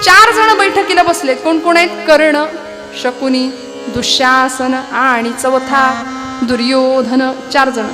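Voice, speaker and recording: A woman's voice: sits high, slow. Woman preacher doing a kirtan, storytelling with asides, devotional music playing under her. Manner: lively storytelling with rhetorical questions and asides.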